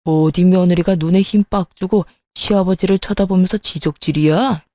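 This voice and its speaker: A woman voicing an angry, stubborn older father-in-law who scolds in a gruff, blustering way. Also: on the low side, steady tone, moderate pace, warm tone, no echo, studio quality, lightly acted. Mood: grumbling.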